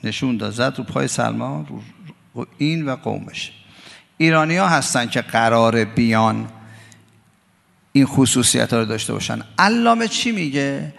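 A man delivers a religious lecture with a deeply gravelly, rough-edged voice. His words ring out in a reverberant hall, and he slows to chant scripture. At times he mocks the voices of others. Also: expressive, fairly bright tone. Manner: gravelly, mocking voices when quoting others. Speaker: cleric giving a Quran commentary lecture. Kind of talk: religious lecture with Quran recitation.

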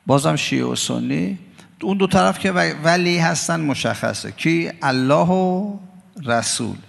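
A man delivers a religious lecture with a deeply gravelly, rough-edged voice. His words ring out in a reverberant hall, and he slows to chant scripture. At times he mocks the voices of others. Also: animated. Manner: gravelly, mocking voices when quoting others. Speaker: cleric giving a Quran commentary lecture. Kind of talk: religious lecture with Quran recitation.

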